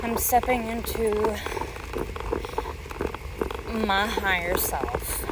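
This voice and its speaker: A woman's voice: mid-range voice, animated, takes it slowly. A woman podcaster talking casually and unscripted, musing aloud as she walks. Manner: musing aloud while walking. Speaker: podcast host and mother. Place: outdoors on a local walk. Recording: outdoor walking recording, loud ambient noise. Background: crunching dry leaves underfoot, outdoor noise.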